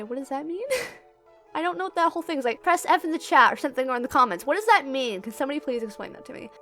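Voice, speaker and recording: A woman with a high, fairly bright voice casually reads viewer questions aloud and answers them, rambling, giggling, and poking fun at herself. She's a YouTube creator and amateur comic dub voice actor, with music playing behind her.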